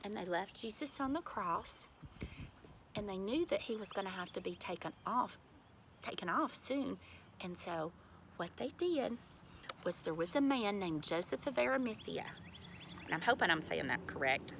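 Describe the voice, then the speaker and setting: A woman teaching preschoolers, telling them a story in an animated way and talking straight to the children. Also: mid-range voice, moderate pace, creaky, noisy background.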